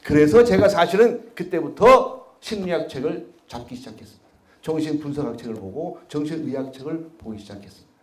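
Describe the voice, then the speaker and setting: A man's voice: mid-range voice, darkish tone. A man, a former prosecutor, giving a public lecture to an audience. He tells stories and puts rhetorical questions to the listeners. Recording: roomy hall echo.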